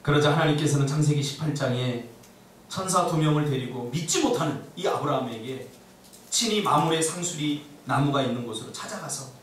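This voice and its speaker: Lively male pastor in an echoey hall. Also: mid-range voice, slight background noise. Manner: animated, acts out quoted voices. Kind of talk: sermon. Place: church sanctuary. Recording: echoey church hall, mic at a distance.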